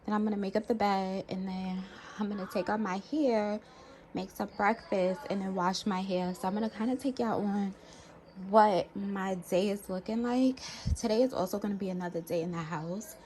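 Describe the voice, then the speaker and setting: A young American woman talks through her day in a casual, informal vlog style. Her voice sits at an average pitch, recorded on a handheld camera at home with clear household noise behind it. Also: steady tone, normal speed, a little mellow. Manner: informal, conversational. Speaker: home vlogger. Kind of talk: casual vlog chat, narrating chores and cooking. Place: indoors at home, kitchen. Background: household appliance noise.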